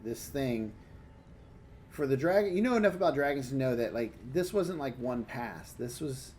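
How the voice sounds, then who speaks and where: Game master, man, mid pitch, descriptive scene-setting, faint hiss behind. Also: expressive, normal speed, darkish tone. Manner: descriptive, walks players through scenes. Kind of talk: narrating a tabletop game.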